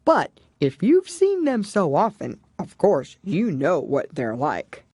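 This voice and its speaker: A woman voicing a ponderous, mournful, easily offended male Mock Turtle in a children's storybook, with drawn-out, sighing delivery. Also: on the low side, huge pitch swings, darkish tone, husky, no room sound, studio quality, voice pushed up, full character voice. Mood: weary, ponderous. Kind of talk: children's storybook character reading.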